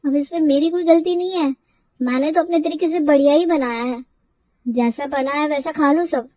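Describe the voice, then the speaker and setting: A woman's voice: high-pitched, moderate pace, warm tone, no echo, distant mic, lo-fi sound, pitched above the performer's own voice, close to an everyday voice. A woman voicing a young bride in a cartoon story, complaining in an exasperated, stubborn way.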